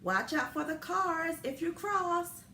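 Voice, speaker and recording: A woman voicing a gentle mother who softly reassures her young son in a picture-book story. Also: high-pitched, wildly swooping pitch, a little slow, a little hiss or hum, pitched above the performer's own voice, heavily acted. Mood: coaxing. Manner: soft, reassuring. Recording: echoey room.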